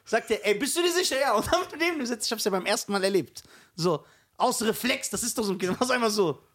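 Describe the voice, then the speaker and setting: A man co-hosting a podcast in casual chat, telling stories with animated emphasis. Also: sits high, fast. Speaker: podcast co-host.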